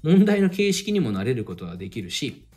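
A man hosting a podcast, casually giving step-by-step study advice and filling his pauses with little hesitations. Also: medium pitch, big pitch swings, a little mellow, faint music behind. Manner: explains step by step with many fillers. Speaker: podcast host and language mentor.

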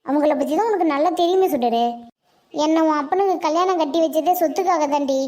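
A woman voicing a timid, long-suffering village mother in a cartoon, soft and resigned. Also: high voice, a little fast, close to an everyday voice. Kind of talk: Tamil cartoon voice acting.

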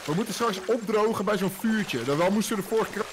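A man with a high voice jokes with friends in a multiplayer game, playful and quick to tease. Game sound and hiss sit clearly behind his voice. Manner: joking, playful sing-song chanting. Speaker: gaming streamer. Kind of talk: casual multiplayer game chat. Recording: noisy game-chat voice recording.

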